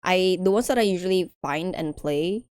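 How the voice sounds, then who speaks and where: A woman's voice: lowish voice, moderate pace, a little mellow, no echo, studio quality. A young woman streaming a visual novel, chatting, giggling and reading the game text aloud in a rambling way. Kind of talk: casual game commentary.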